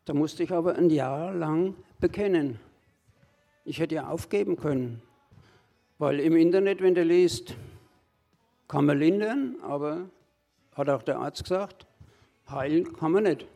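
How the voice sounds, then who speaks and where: A man gives an earnest testimony at a church gathering. His voice is fairly high for a man but mellow in tone. Faint music plays behind him. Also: a little slow, vocal fry, long pauses. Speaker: church member giving a testimony. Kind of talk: personal testimony.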